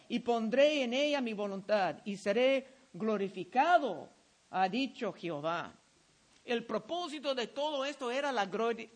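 Man, pastor, sermon, high-pitched, deliberate scripture reading, lively storytelling. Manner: lively storytelling, says he was shouting.

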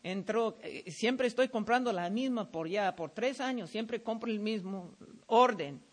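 Middle-aged male pastor, very high voice, sermon reading with anecdotes. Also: measured pace. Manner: lively storytelling, says he was shouting.

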